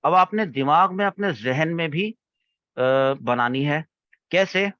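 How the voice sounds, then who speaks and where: A man's voice: fairly high pitch, expressive, pushed and bright, no echo. A man teaching an online grammar class over a video call, patiently quizzing students step by step. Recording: dull, dry online call audio.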